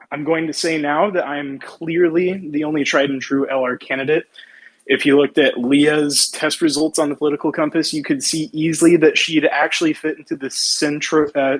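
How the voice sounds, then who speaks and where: A man's voice: a little high, a bit bright, low-quality recording. A young man speaking as a candidate in an online debate, assertive and emphatic in his delivery.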